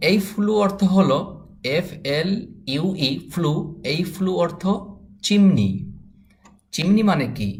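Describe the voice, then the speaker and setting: A man from Bangladesh teaching English phonics, spelling out letters slowly and then saying each word. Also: medium pitch, a little mellow. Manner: slow, spells out letters then says words. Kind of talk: spoken phonics lesson.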